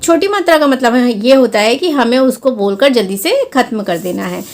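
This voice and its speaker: Woman, language teacher, high pitch, patient step-by-step explanation, stretched-out example words. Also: animated. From India. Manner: slow, careful explanations, drawing out sample words to show long and short vowels. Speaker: Hindi teacher. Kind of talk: classroom-style lesson explaining vowel signs.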